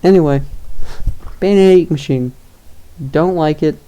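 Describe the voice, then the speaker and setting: A man's voice: a little high, normal speed, mellow, smooth. A young man giving casual tier-list commentary, rambling and hesitant with lots of fillers and chuckles. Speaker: YouTuber ranking games.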